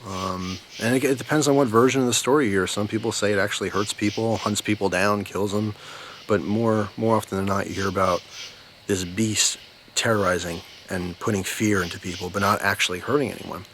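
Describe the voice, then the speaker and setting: An American man with a low voice tells a story in a casual, rambling way. He takes his time and repeats words for weight. He is recorded outside, with light ambient noise behind him. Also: steady tone, a bit bright. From New Jersey, United States. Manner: unhurried, informal, emphatic repetition. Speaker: storyteller, video host. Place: outdoors at night near bushes.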